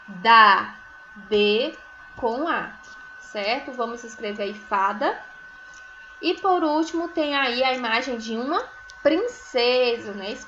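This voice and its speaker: A woman teaching a recorded first-grade phonics lesson, sounding out syllables slowly and often checking in with tags. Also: a little high, pushed and bright, lo-fi sound, slight background noise. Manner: slow, drawn-out syllables, sounding words out; frequent checking tags like "né?" and "certo?". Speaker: primary school teacher.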